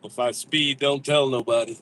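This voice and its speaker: A man with an average-pitched voice hosts a casual livestream from inside a car. His diction is a little slushy from missing teeth. He talks in a playful, slangy, informal way. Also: fairly even intonation, normal speed, a bit bright. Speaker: livestream host.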